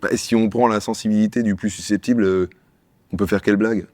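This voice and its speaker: Male sketch comedian, low register, rapid-fire bickering delivery, dry close sound. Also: fairly even intonation, darkish tone, dry recording. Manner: quick, bickering back-and-forth between two characters.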